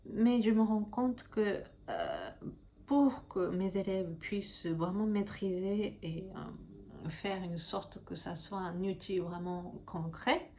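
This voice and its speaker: A woman's voice: mid-range voice, lively intonation, slow, a little mellow. Hesitant woman vlogging, with background noise. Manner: hesitant, searching for words. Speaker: Reiki master teacher and channel host. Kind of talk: casual explanatory vlog to camera.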